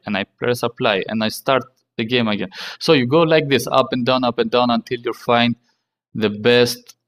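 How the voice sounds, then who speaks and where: A man hosting a casual tech tutorial in halting, non-native English, repeating himself and using fillers. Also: medium pitch, fairly bright tone. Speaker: tech channel host.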